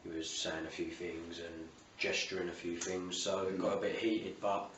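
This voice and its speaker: Male football manager, south-east English British accent, low matey voice, interviewed on a distant mic. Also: flat delivery, moderate pace, a bit bright. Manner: colloquial, matey, with frequent "you know". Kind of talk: post-match interview. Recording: roomy, distant mic, faint ambient noise.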